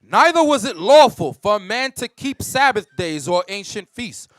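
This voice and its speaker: A man's voice: high-pitched, moderate pace, no room sound. A man reading Bible verses aloud on cue during a class. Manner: steady recitation of verses on cue. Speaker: scripture reader in a Bible class.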